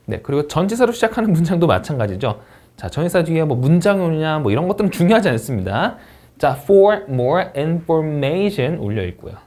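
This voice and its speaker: This is a middle-aged man teaching an online prep lesson for a speaking exam. His pitch moves a lot as he drives home each scoring point. He speaks emphatically, like a teacher, and pauses to read English vocabulary aloud for students to repeat. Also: darkish tone. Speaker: English speaking test instructor.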